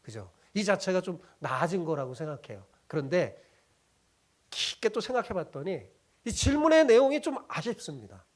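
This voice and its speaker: A man's voice: high voice, big pitch swings, normal speed. A middle-aged man from South Korea, a pastor preaching a sermon with rhetorical questions and acted-out quotes.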